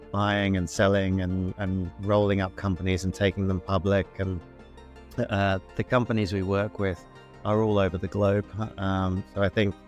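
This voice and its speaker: A low-pitched man in his forties tells his story in a relaxed, self-deprecating way, stumbling over restarts and fillers. Soft music plays faintly underneath him. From born in New Zealand, grew up in the UK. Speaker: guest entrepreneur. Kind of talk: conversational interview answer.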